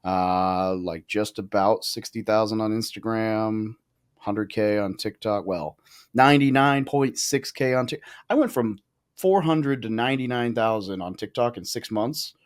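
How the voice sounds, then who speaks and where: A man in his thirties, a podcast guest, talking in a casual, profane way with quick asides and restarts. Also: fairly low pitch, clear, resonant tone. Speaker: podcast guest, real estate investor. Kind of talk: casual conversational interview.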